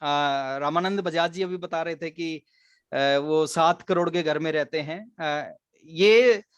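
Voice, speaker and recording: A man's voice: on the high side, takes it slowly, smooth, no echo. A man, giving an earnest motivational business training talk, mixing English words into his speech. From Haryana, India. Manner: earnest storytelling, mixes English words into Hindi.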